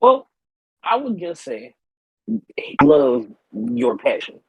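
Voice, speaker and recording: Husky-voiced polite male interviewer. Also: mid-range voice, wildly swooping pitch, slow, no room sound, muffled recording. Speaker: podcast interviewer. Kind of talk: casual interview.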